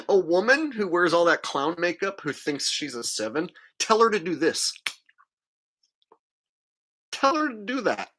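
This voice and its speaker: On a livestream, the male host runs through a casual, crude, mocking rant as a monologue, acting out bits of mimicry. His voice sits on the high side and sounds pushed and bright.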